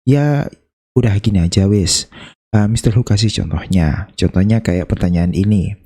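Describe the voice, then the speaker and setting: A man from Indonesia teaching an English lesson in a casual, chatty way, slowing down to act out example questions. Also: lowish voice, dark tone, slightly rough. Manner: chatty, playful, slows down to demonstrate intonation.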